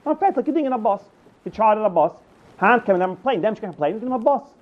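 A man telling rambling personal anecdotes, halting and repeating himself as he goes. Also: high-pitched. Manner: halting, repeats and restarts words, animated. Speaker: storyteller. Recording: tinny phone-like line.

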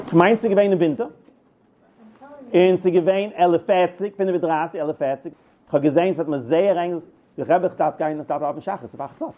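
A man telling rambling personal anecdotes, halting and repeating himself as he goes. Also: on the high side. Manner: halting, repeats and restarts words, animated. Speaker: storyteller. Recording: tinny phone-like line.

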